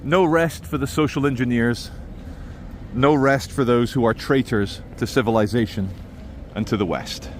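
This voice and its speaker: A man's mid-pitched voice in an outdoor walking vlog, with some street noise behind it. He rambles along in an opinionated running commentary. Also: moderate pace. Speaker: vlogger. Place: outdoors in a city, walking by a river. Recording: outdoor city and traffic noise.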